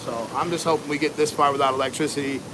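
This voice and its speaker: A man's voice: on the high side, fairly even intonation. An American man livestreaming casually outdoors, talking in a laid-back, rambling, slangy way over wind. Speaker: livestream host, barber. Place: outdoors at home during a windy storm. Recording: noisy outdoors, loud wind and ambience. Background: wind and rushing water ambience.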